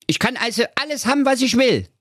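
A man's voice: extremely high pitch, animated, fast talker, a bit bright, breathy edge, no echo, studio quality, voice pushed up, full character voice. A man voicing a cheeky, pushy male frog in a raised, wheedling voice, for a comic fairy-tale parody.

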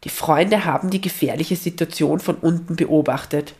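Gentle woman reading a children's story. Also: low voice, moderate pace. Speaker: storyteller, podcast host.

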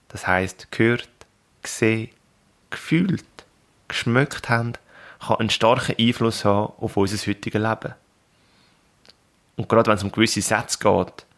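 A man with a Swiss German accent, calmly narrating a reflective podcast and coaching the listener directly. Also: fairly low pitch.

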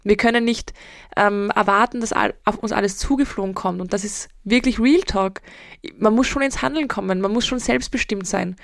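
A woman's voice: mid-range voice, gravelly, no room sound, studio quality. A woman hosts a solo podcast, answering listener questions in a direct, emphatic, motivational way. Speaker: podcast host and mental coach.

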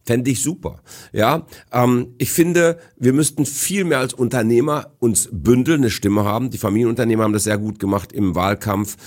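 Assertive husky middle-aged man. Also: medium pitch, moderate pace, darkish tone. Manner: assertive, declarative, lecturing. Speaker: guest, business speaker. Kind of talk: casual podcast conversation.

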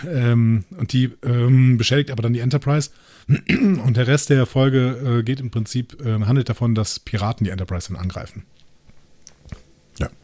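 A man's voice: mid-range voice, moderate pace, warm tone, no echo. Man, podcast co-host, casual chat, trivia-loving, self-mocking, dry close mic.

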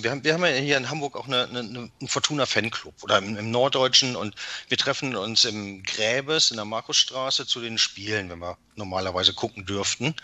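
A man's voice: medium pitch, bright, forceful tone, no room sound. A man in his sixties, a guest author in a casual podcast chat, talking hesitantly with fillers and restarts over a remote call. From Düsseldorf area, Germany. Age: 60s.

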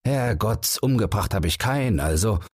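A man voicing a restless, irritable man who bursts out brusquely, pitched well above his own husky voice. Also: animated, moderate pace, darkish tone, no echo, studio quality. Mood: impatient. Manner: agitated, jeering outbursts.

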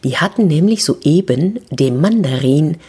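A woman storyteller narrates a children's fairy tale in a low, slightly husky voice. She is expressive and takes slow, dramatic pauses.

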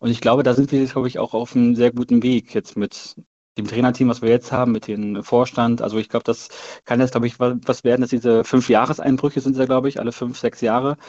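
Male podcast guest, casual and hesitant, mid-pitched, slightly muffled lo-fi sound. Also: level tone, fairly quick, darkish tone. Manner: hesitant, filler-heavy, thinking aloud. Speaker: football fan as podcast guest. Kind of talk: casual chat.

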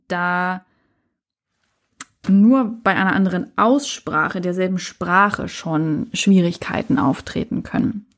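Alone at the mic, a woman from Saxony-Anhalt in Germany hosts her own podcast, musing earnestly and often pausing to hesitate. Her voice sits at a medium pitch with a touch of mellowness.

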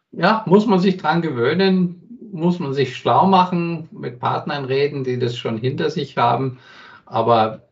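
Heard from some distance on a dull-sounding recording, a gravelly, mid-range male voice belongs to an industry consultant answering interview questions conversationally. He is thoughtful, hesitating often with fillers and starting sentences over.

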